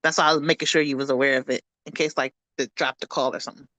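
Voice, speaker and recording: A woman's voice: a bass voice, steady tone, racing, a bit bright, dry recording. A woman on a video call chatting casually in a public meeting, full of "like" and repeating her point. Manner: chatty, repeats herself with many "like"s. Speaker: commission member.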